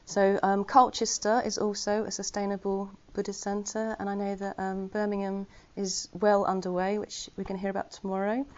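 A woman gives an informal Dharma talk to her Buddhist community in a mid-range, darkish, monotone voice, speaking at normal speed with hardly any pauses. She's earnest and conversational, with self-deprecating humour. The recording is slightly muffled.

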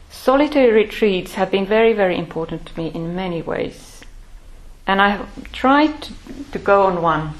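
On a low-quality recording, a medium-pitched woman in her sixties, a native Finnish speaker and Buddhist order member, tells her personal life story. She sounds reflective, measured and thoughtful, often pausing.

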